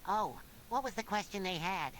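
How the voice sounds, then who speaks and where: A woman's voice: mid-range voice, moderate pace, slight background noise. A text-to-speech woman's voice reading the lines of a nervous, secretive young male cartoon sea sponge. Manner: jittery, secretive, flat machine reading. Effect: synthetic text-to-speech voice. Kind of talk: text-to-speech chatbot reply.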